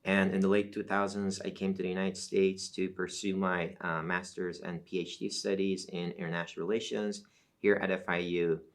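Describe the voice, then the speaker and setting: Appearing as a professor in an academic interview, this middle-aged man from Iran, a native Azeri Turkish speaker, gives measured explanations sprinkled with fillers. He has a low voice and keeps a level tone.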